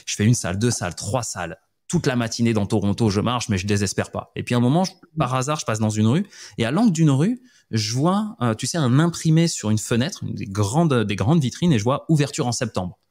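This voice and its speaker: Animated French storyteller man, podcast guest. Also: medium pitch, a little fast. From France, Montpellier area. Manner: animated, vivid storyteller with frequent "tu vois".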